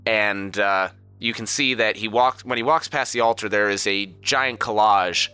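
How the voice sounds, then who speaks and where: A man running a tabletop game as game master, narrating in a relaxed, descriptive way with hesitant fillers. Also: lowish voice, moderate pace, clean tone, no room sound.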